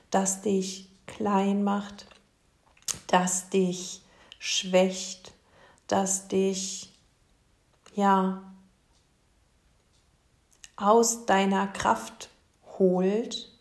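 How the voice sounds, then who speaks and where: Slow, gravelly-voiced woman podcast host. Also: medium pitch, reverberant. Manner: gentle, coaching, addresses the listener directly. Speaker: podcast host, spiritual coach. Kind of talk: slow, soothing podcast monologue.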